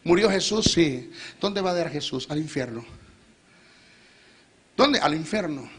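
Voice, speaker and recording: A man with a Venezuelan Spanish accent preaching a sermon, theatrical, shifting between loud exhortation and low, quiet storytelling. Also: animated, a little slow, breathy edge. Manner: theatrical, switches between shouting and low asides, acts out devil and God.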